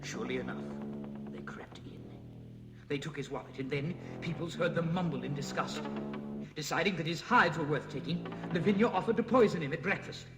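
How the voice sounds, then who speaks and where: A man narrating ghost stories in a spooky, theatrical way, moving between hushed and urgent delivery. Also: on the high side, brisk. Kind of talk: dramatic scripted storytelling for a ghost tour record. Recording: reverberant hall sound with loud music behind. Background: music.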